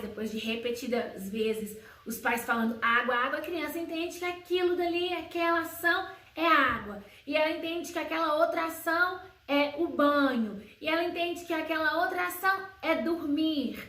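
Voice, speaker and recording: High-pitched woman teaching in a roomy echo. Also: a bit bright. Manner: explains slowly, asks and answers her own questions; sings baby words in a high sing-song voice. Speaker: homeschooling educator. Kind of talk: educational video talk to parents. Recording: roomy echo, slightly far from mic.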